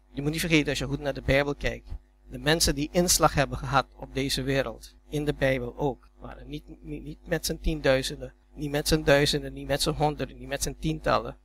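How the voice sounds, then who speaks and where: Gravelly-voiced male preacher, conversational sermon. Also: mid-range voice, a bit bright, slight background noise. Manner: conversational storytelling, rising to emphatic peaks; repeats words when restarting. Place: church hall.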